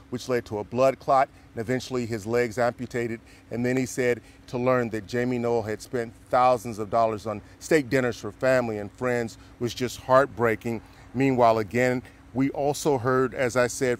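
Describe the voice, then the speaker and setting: A man with an American accent giving a live TV news report in a conversational, halting delivery. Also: mid-range voice. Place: courthouse, live on location.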